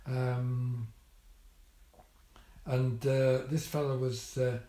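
Very slowly and with a flat delivery, an older man tells a wry, dry story about his hospital visit in a medium-pitched, dark voice. His casual vlog, recorded in an echoey room, is peppered with ums and restarts.

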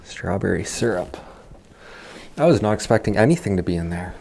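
This urban explorer host has a deep, creaky, slightly mellow voice with lively intonation and a fairly quick pace. He chats casually and is easily amazed while exploring indoors in an empty abandoned house, recorded on a body-worn camera with slight background noise.

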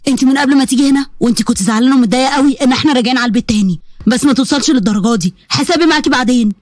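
A woman voicing a young Egyptian husband in a storybook drama, speaking firmly in a lowered voice. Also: rapid-fire, dry recording, clean studio sound. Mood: stern. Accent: Egyptian Arabic. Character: young man, angry husband turning protective.

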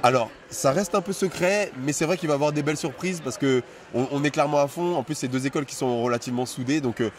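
Eager fast-talking young man outdoors. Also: on the high side, distant mic, faint music behind. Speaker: student club president. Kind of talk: street interview. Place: outdoors on a city campus. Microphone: handheld mic.

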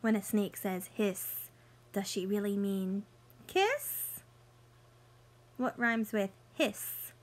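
At a medium pitch, a woman in her thirties reads a picture book to young children in a teacher's manner. Her reading is expressive and sing-song, with pauses where she asks simple questions.

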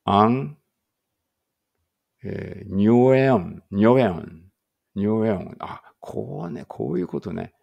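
A man's voice: fairly low pitch, expressive, takes it slowly, creaky, pauses often, darkish tone, slightly rough, dull audio. A man reading a study text aloud in a casual study-along and thinking aloud in muttered asides. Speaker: language teacher reading aloud.

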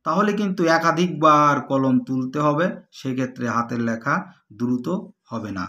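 A man who teaches handwriting. He speaks in a measured, deliberate way and keeps pointing things out to the viewer as he demonstrates. His voice sometimes drops and moves off the mic while he writes. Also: mid-range voice, bright, forceful tone. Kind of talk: instructional lesson while demonstrating writing.

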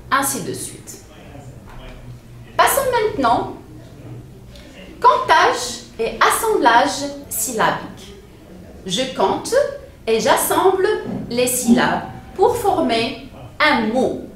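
Lady teacher sounding out syllables real slow for little kids, high lively voice, very echoey room with a bit of hum. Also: recorded from a distance. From Morocco. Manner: slow, exaggerated syllable-by-syllable pronunciation for young children. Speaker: primary school teacher. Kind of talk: children's reading lesson. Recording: very echoey room with faint ambient noise.

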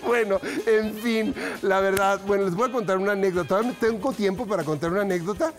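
A man's voice: high-pitched, fast, soft background music. A man doing goofy, giggly stand-up on a TV show and laughing at his own jokes. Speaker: comedian. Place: TV studio.

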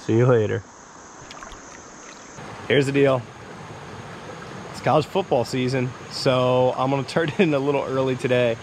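This fishing vlogger, an American man in his thirties, keeps up a folksy, casual chat beside a wooded creek, with long pauses and fairly even intonation at normal speed. His voice is medium-pitched. The action camera picks up insects and ambient outdoor sound.

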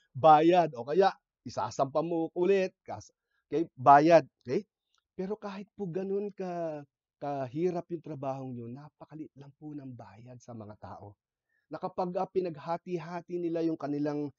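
A man giving an inspirational talk, telling stories in a conversational, animated way and checking in with the listeners. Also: mid-range voice, no echo, highs cut off. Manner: conversational, animated storytelling with frequent "no?" and "okay?" asides. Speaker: lay speaker.

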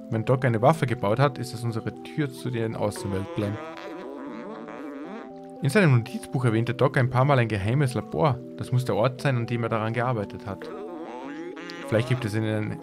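A man's voice: moderate pace, close to an everyday voice. A man voicing an eager male robot companion in a video game, talking in a raised, emotional voice. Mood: urgent. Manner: excited, emotional, pitch jumps up. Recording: game music playing behind.

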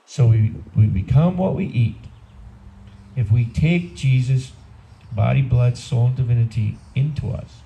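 This sixties-aged priest, whose accent places him in the Upper Midwest of the US, has a warm, mid-range voice with vocal fry and a slightly slow delivery. His homily is casual and plain-spoken, filmed by a distant camera on a garden patio beneath a canopy, with slight background noise.

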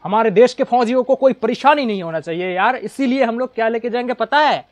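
Chatty, excitable young man gaming. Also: very high voice, a little fast. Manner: chatty, excitable, frequent exclamations. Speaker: gaming YouTuber. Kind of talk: casual gameplay commentary.

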